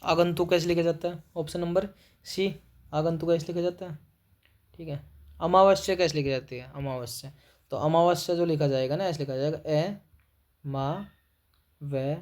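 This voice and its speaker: A young male teacher works through a spelling quiz, breaking every word into its syllables. His voice sits a little higher than most men's. He keeps a steady, practical classroom pace and closes each answer with a brief check-in to his students. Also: brisk. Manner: spells words syllable by syllable, repeats "ठीक है", calls students "भाई". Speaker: Hindi teacher. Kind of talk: exam-prep spelling lesson.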